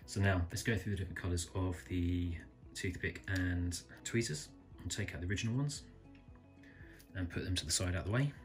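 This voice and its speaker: A man calmly reviewing a small pocket knife, thinking aloud and correcting himself as he goes. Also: sits low, a little fast, soft background music. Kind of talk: casual product review narration. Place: indoors at a table, filming hands close up.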